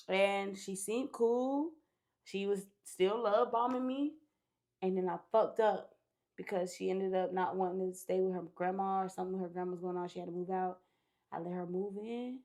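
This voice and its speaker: A woman guest on a podcast, casually telling a long story with profanity and acted-out quotes. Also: medium pitch. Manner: animated, profane, acts out quotes.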